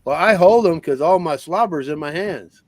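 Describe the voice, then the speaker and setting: A man's voice: a little high, lively intonation, moderate pace, darkish tone, dry recording. A man in a casual live group chat, joking around and reading fun facts aloud.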